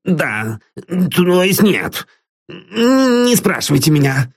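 A man's voice: high-pitched, big pitch swings, slow pace, vocal fry, breathy edge, no echo, clean studio sound, pitched above the performer's own voice, exaggerated voice. A man voicing a frightened old one-eyed pawnbroker. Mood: fearful muttering. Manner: timid, breathless, muttering.

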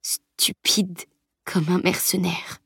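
A woman voicing a stubborn teenage boy, breathy. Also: on the high side, moderate pace, no echo, clean studio sound, lightly acted. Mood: faint whisper. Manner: faint, breathy whisper.

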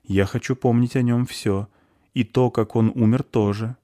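A man's voice: mid-range voice, fairly even intonation, moderate pace, dark tone, pitched above the performer's own voice, lightly acted. A man voicing a troubled, impulsive young man. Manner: agitated, remorseful.

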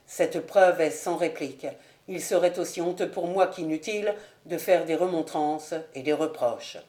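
A woman reading an audiobook, voicing a proud young nobleman who speaks low, grave and scornful. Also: normal speed, mellow, lightly acted. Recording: echoey room.

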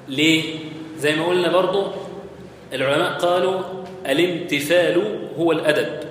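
Another clip of the Egyptian-accented teacher delivering a conversational hadith lesson in a very echoey mosque hall, frequently checking in with those listening. Here his voice sits on the high side, with slight background noise.

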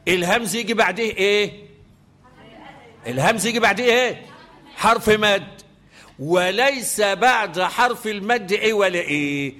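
A man with an Egyptian accent leads a lesson on the rules of Quranic recitation, speaking in a fairly high voice. He drills his students with repeated call-and-response questions. Between the questions he chants the verses in a melodic style. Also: fairly bright tone. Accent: Egyptian Arabic.

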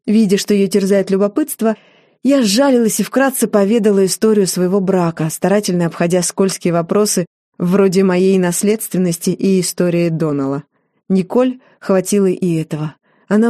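A woman reading a first-person novel aloud in a measured, wry manner. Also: medium pitch, mellow, no echo, studio quality. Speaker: audiobook reader.

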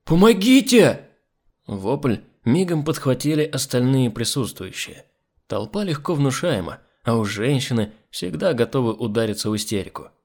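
A man's voice: mid-range voice, moderate pace. A man reading a first-person audiobook as narrator. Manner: lively first-person storytelling. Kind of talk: scripted narration.

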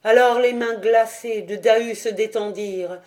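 Warm-toned woman narrating a legend. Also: fairly high pitch, moderate pace. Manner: dramatic, expressive storytelling. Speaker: audiobook reader.

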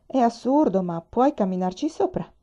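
A woman's voice: on the high side, lively intonation, normal speed, warm tone, pitched above the performer's own voice. A woman voicing a nervous young man from a rich family who talks in a hurry, stammering and defensive. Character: nervous young rich Chinese student, male. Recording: dull lo-fi recording.

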